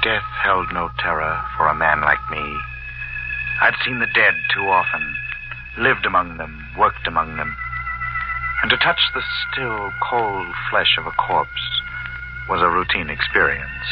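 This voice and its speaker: A haunted coroner narrating in a grim, low voice in an old radio drama. The recording is dull and vintage, with music playing behind. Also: male voice, measured pace. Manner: grim first-person narration. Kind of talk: 1940s radio acting.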